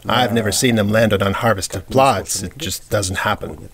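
A man's voice: lowish voice, normal speed, crowd noise. A man speaking an English documentary dub voice-over in a plain conversational way, retelling field stories. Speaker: voice-over dubber.

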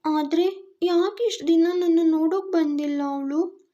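A woman voicing an innocent, eager little girl in a spoken storybook, with a high childlike voice. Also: a little slow, warm tone, muffled recording.

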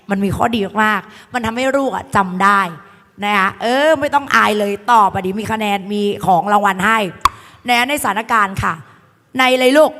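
A woman tutor with a cold and a hoarse voice, teaching a playful exam-prep lecture to a hall of students. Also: a little high, fairly bright tone. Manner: playful, teasing, calls the students "kids". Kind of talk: lively classroom lecture. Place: large hall full of students. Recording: echoey hall.

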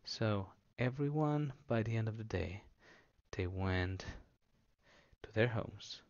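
Slow, halting man with gravelly low voice. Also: expressive, lo-fi sound. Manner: halting, short phrases with pauses. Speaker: presenter of an explainer for children. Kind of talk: simple explanation for children, unscripted. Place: indoors at a table.

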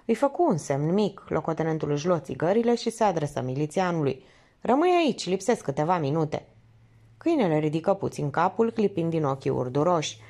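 A woman narrating an audiobook in a steady, measured reading voice. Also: low voice. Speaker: audiobook reader.

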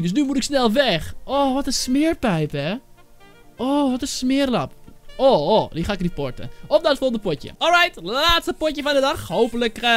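Young male gaming host, high bright voice, excitable and rambling, faint game music underneath. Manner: excitable, shouts and yells when angry at hackers; casual, rambling, with many fillers. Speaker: gaming YouTuber. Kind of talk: live Minecraft gameplay commentary.

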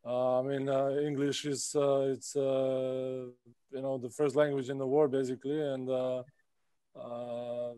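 A basketball player from the Czech Republic, speaking with a Czech accent, gives casual interview answers from a room at home over a video call laptop mic. His smooth, dry, medium-pitched voice is flat and dark with no room sound, and he halts often with "uh" pauses and restarts.

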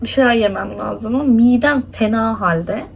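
Young woman from Adana, high voice, casual complaining vlog chatter, faint traffic noise behind. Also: moderate pace, gravelly. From Adana, Turkey. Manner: chatty, complaining, often laughing. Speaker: vlogger. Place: indoors at home, then outdoors in hot streets.

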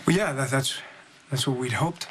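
A man's voice: mid-range voice, moderate pace, background noise, close to an everyday voice. An actor playing a worried, insistent young husband in a television soap opera, urgent and repeating his words. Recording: loud background music under dialogue.

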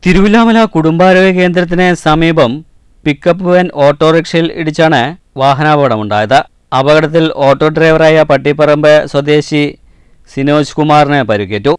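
A male news reporter from Kerala reading a scripted voice-over in a measured, formal way. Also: on the high side, smooth, no echo, studio quality. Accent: Malayalam, Kerala. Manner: measured formal reading, drops at sign-offs.

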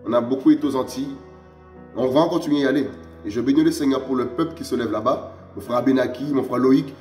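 A man preaching a sermon with emphasis, firing off rhetorical questions and dropping low on each "my friends". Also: fast, a little mellow, echoey room, faint music behind. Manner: emphatic, repeats "mes amis" in a low drop; rhetorical questions, rising exclamations.

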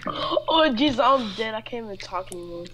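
Woman player, casual game chat, quick exasperated talk. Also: fairly high pitch, lively intonation, fairly bright tone.

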